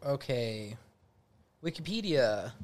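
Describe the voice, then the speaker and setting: A man with an ordinary mid-range voice co-hosts a casual podcast. He jokes around and tells his stories with lively energy. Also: medium pitch, takes it slowly. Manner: joking, lively storyteller. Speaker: podcast co-host. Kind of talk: casual chat.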